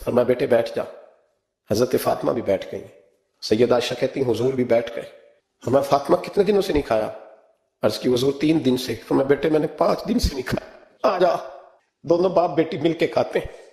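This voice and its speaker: A man's voice: medium pitch, vocal fry, warm tone, echoey room. A man delivering an impassioned sermon as a cleric, telling stories and acting out quoted speech. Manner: impassioned, rising into emphatic rhetorical questions; storytelling, acts out quoted speech. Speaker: Islamic cleric.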